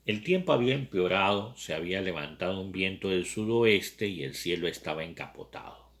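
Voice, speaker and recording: A man's voice: low-pitched, animated, brisk, a bit bright. A man reading a novel aloud and commenting on it as a lecturer, often adding rhetorical tag questions. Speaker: lecturer on literature.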